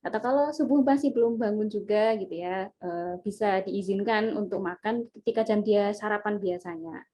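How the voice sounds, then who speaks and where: A woman's voice: medium pitch, normal speed, warm tone. Indonesian woman explaining, lots of fillers. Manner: many fillers like "gitu ya", explanatory. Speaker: guest expert on child nutrition. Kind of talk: casual podcast advice.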